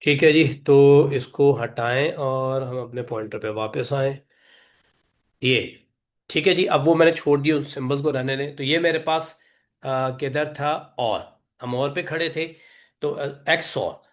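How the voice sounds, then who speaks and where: Slow, deliberate male teacher. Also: mid-range voice. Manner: deliberate, repeats definitions slowly; mixes English phrases into Hindi. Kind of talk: online class lecture.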